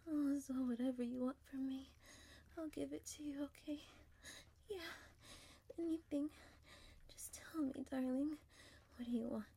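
A woman speaking in a soft, mostly whispered voice, affectionate and intimate, in an audio roleplay. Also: high-pitched, fairly even intonation, measured pace, creaky, long pauses.

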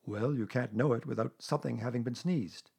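A man voicing a humble, slow-witted, gentle bear in a children's storybook, speaking in a simple, dreamy, earnest way. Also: mid-range voice, vocal fry, husky. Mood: puzzled, earnest.

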